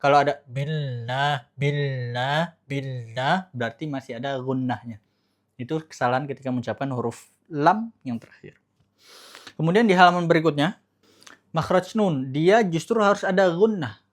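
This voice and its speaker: A man teaching Quran pronunciation in a recorded lesson, with a fairly high-pitched voice. He explains in a relaxed, everyday way and stops to drill each sound slowly, again and again. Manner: demonstrates sounds by slow repeated drilling; casual explaining with fillers.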